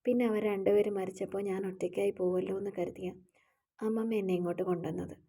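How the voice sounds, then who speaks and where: A woman voicing a shy young orphaned college girl in an audio story, speaking quietly and subdued. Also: medium pitch, fairly even intonation, fast, vocal fry, slightly rough. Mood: sad.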